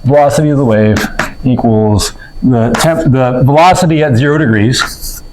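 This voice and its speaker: This physics instructor lectures his class informally, leaning on fillers and self-corrections as he explains. His medium-pitched voice moves at normal speed against a noisy background.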